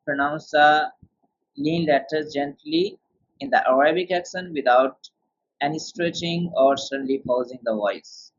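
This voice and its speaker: A man's voice: a little high, very animated, unhurried. A man teaching beginner Quran tajweed, explaining rules step by step and quizzing his student with questions. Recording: dull lo-fi sound.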